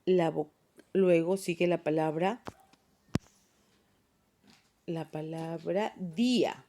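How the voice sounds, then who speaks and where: Brief: patient female teacher, lowish voice, unhurried classroom delivery, taped on a phone. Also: dark tone, a little hiss or hum. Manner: patient, explains step by step with frequent tag questions. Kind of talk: classroom grammar lesson. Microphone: phone voice recorder.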